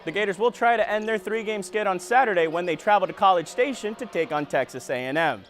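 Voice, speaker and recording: A man's voice: high voice, quick pace, a bit bright, a little hiss or hum. A young man working as a sports anchor, reading a scripted local TV news sports report.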